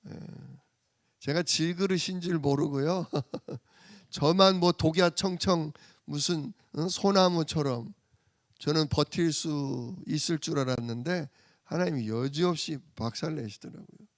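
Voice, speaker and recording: Male pastor, high-pitched, dry recording; sermon delivery, rhetorical questions, alternates loud stresses with quiet asides. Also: measured pace, dry recording. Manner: rhetorical questions, answering himself; swings from loud emphasis to soft murmur. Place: church.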